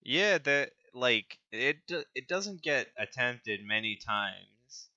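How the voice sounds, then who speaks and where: Young male co-host, slow delivery, very bright voice, dull lo-fi sound, casual stat-reading chat. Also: mid-range voice, very animated. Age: young adult. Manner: reads stats with stumbles and laughs. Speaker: podcast co-host.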